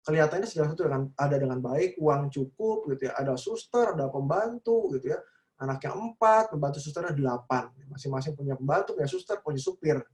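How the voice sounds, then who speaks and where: A middle-aged man with a voice pitched a bit above most men's, giving a relaxed seminar talk to parents over a video call. He speaks in a loose, chatty way, keeps checking in with his listeners, and slips into playful voices when he quotes children and parents. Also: echoey room. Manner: chatty, frequently tags sentences with "gitu ya" and acts out quoted voices.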